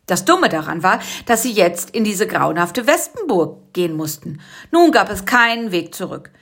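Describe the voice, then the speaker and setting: A woman narrating a children's story in a soft, lively storytelling manner. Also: mid-range voice, gravelly, husky. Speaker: audiobook narrator.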